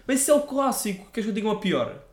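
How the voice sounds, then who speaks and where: A young man, telling stories in an animated, slangy way as a casual podcast co-host. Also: high voice, rapid-fire. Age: young adult. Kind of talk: casual chat, storytelling.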